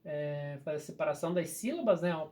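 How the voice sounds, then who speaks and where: A teacher with a Brazilian Portuguese accent, patiently explaining a recorded grammar lesson and slowly drawing out the key words. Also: medium pitch, lively intonation, darkish tone.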